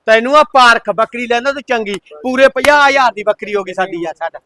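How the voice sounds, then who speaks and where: A man bargaining in hearty, loud, pushy banter, familiar and insistent, at a livestock market. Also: very high voice, fast. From Punjab, India. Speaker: livestock buyer haggling at a goat market. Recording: noisy live market recording with clicks.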